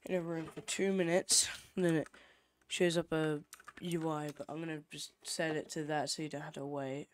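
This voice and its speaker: A young game developer giving casual, rambling commentary while showing his game, often correcting himself. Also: mid-range voice. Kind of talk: casual screen-capture commentary.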